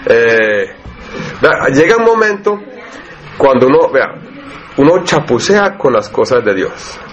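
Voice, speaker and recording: A man's voice: medium pitch, very animated, takes it slowly. A man preaching a sermon, talking in a conversational way and often asking the congregation questions. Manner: conversational, asks the congregation questions, acts out everyday voices. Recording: dull lo-fi recording with faint noise.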